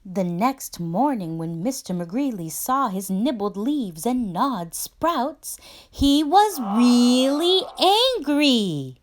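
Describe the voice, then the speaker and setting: Very slow, animated woman storyteller. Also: on the high side. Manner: dramatic, with drawn-out emphasis and hushed sound words. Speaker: read-aloud storyteller. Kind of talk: expressive children's picture book reading.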